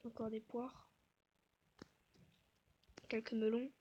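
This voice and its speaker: Woman chatting low over her game, high voice, bit husky, jokes at herself. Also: flat delivery, slow, muffled recording. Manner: speaks softly, self-mocking asides. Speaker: gaming video creator. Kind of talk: casual gameplay commentary.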